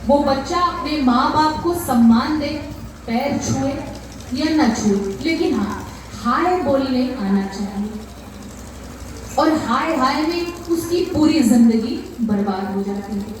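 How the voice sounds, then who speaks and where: High-voiced woman preaching a katha. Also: lively intonation, unhurried, background noise. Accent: North Indian Hindi. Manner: impassioned, rhetorical questions. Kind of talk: devotional sermon. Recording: echoey PA sound from far off.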